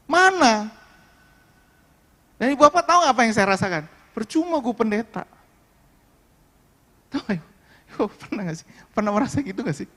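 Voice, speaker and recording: A man preaching with a high, light voice that rings through a church hall with a long echo. He tells his story in a conversational, deeply felt way and often turns to the congregation. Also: a bit bright. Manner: emotional, conversational storytelling, addressing the congregation directly. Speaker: pastor. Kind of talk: sermon with personal testimony. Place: worship hall.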